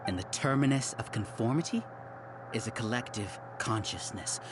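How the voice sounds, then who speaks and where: An actor playing an arrogant villain researcher who leads a hive mind, giving grandiose, condescending monologues in a video game. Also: male voice, medium pitch, moderate pace, background noise, lightly acted. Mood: smug lecturing.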